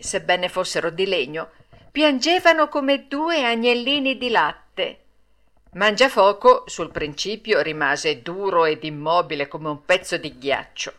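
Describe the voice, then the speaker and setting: A woman reading a classic children's story aloud as an audiobook narrator, with slow, deliberate storytelling. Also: medium pitch, fairly bright tone. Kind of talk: scripted narration.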